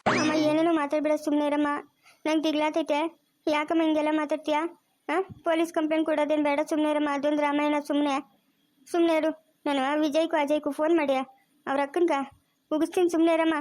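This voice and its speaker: A woman's voice: high-pitched, level tone, fast talker, a little mellow, natural voice. A woman voicing a worried grown daughter who pleads with her mother in a cartoon story. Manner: pleading, fretful. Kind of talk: cartoon voice acting.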